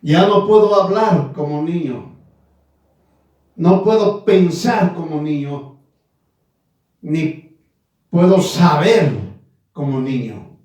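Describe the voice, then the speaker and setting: A man in his nineties preaching a sermon, slow and emphatic, repeating his phrases. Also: on the high side, darkish tone. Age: 90s. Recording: echoey room from far off.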